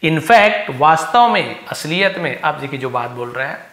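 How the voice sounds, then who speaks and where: A man with a slightly high voice teaches English grammar. He reads each English line of a story slowly, then explains it word by word in Hindi. The room around him is echoey. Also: lively intonation, fairly bright tone.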